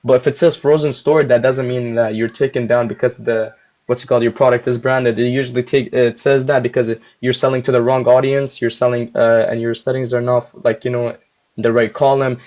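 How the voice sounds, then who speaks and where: A man's voice: medium pitch, little pitch movement, brisk, darkish tone. A young man chatting casually on a livestream as a guest store owner, rambling with lots of filler words while chewing gum. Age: young adult. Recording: muffled lo-fi audio.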